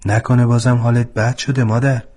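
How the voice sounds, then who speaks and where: A man's voice: mid-range voice, little pitch movement, darkish tone, voice pushed up, natural voice. A man voicing a surprised, questioning teenage son in a storybook reading. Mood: puzzled. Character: puzzled teenage son, older brother.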